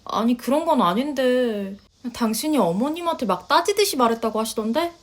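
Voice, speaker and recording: A woman voicing a polite, soft-spoken young wife who talks quietly and hesitantly in a story reading. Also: a little high, animated, brisk, lightly acted. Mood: gentle. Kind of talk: storytelling voice acting.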